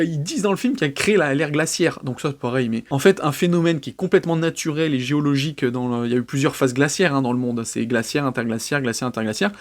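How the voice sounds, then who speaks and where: A young man giving a blunt, scathing film review in a casual monologue, full of fillers. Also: a little high. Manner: blunt and scathing, many fillers like genre and euh.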